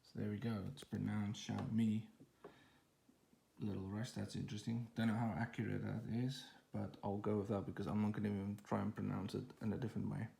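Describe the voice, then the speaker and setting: Low, gravelly man rambling through an unboxing. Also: flat delivery, quick pace, hardly any pauses, warm tone, slight background noise. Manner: rambling, with fillers and restarts. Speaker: tech channel host. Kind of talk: casual unboxing walkthrough. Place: at home. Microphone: phone held in one hand.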